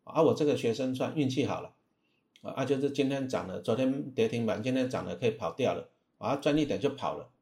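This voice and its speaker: Gravelly Taiwanese-accented man, chatty teacher. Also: medium pitch, animated, mellow. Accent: Taiwanese Mandarin. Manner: chatty, many drawn-out filler sounds and rhetorical questions. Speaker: stock trading teacher. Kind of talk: casual talk on investing.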